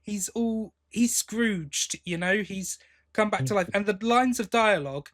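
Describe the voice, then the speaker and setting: With a high, somewhat bright voice and an unhurried delivery, a male podcast co-host chats casually about an audio drama. He gives opinions eagerly and restarts often.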